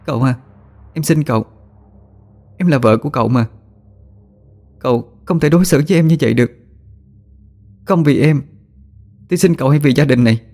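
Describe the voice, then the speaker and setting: A man's voice: mid-range voice, a little fast, pauses often, darkish tone, faint music behind, voice pushed up, close to an everyday voice. A man voicing a frightened young wife in a ghost story, stammering and tearfully pleading.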